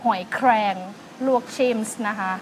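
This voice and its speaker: A young woman hosting a food vlog, chatty and excitable, walking through seafood dishes at a seaside restaurant. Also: a little slow, noisy background. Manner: chatty and excitable, lots of fillers and exclamations. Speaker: food and travel vlog host. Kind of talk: casual food review walkthrough.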